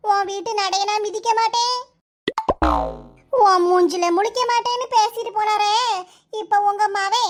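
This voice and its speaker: A woman plays a quarrelsome village gossip in a comic cartoon, taunting in a very high, shrill voice with a Kanyakumari accent. Her lines come in long, scolding runs. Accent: Kanyakumari Tamil.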